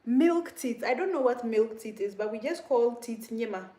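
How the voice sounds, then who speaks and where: A woman, a Dagaare speaker, casually teaching vocabulary on a livestream, repeating words slowly and laughing at herself often. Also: a little high, animated, warm tone, echoey room. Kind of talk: casual spoken language lesson.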